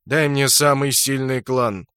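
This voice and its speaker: A man voicing a calm, menacing male dark elf god who speaks slowly and coldly. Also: medium pitch, smooth, no room sound, clean studio sound. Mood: cold, commanding. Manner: slow, cold and commanding.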